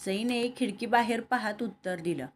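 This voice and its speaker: A woman's voice: medium pitch, normal speed. A woman reading a romantic serial story aloud, voicing every character in her own voice. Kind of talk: scripted story narration with dialogue.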